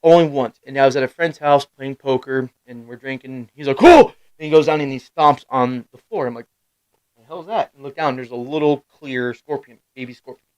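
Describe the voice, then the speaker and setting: A man in his thirties hosting a live stream, rambling through casual stories in a middle-pitched voice. He swears freely, laughs at himself and breaks into loud bursts. The sound is dry and close, with no room around it. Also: fairly even intonation, fairly quick, clear, resonant tone, dry recording, rough recording. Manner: rambling storyteller with sudden loud outbursts. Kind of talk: casual chat.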